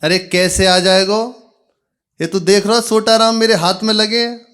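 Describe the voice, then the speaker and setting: A man's voice: high voice, level tone, normal speed, fairly bright tone, smooth, voice pushed up. A man voicing a stubborn, half-deaf old village mother who mishears and bickers in a rustic Braj accent. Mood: scolding mishearing.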